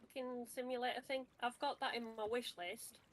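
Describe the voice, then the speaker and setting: Higher-voiced woman chatting casually. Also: steady tone, brisk. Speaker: streamer's partner. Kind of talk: casual stream chat.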